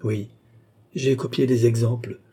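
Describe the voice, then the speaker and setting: A man's voice: medium pitch, fairly even intonation, unhurried, mellow, slightly rough. A man reading an audiobook, voicing an earnest, proud young man in rags who pleads yet stays resolute.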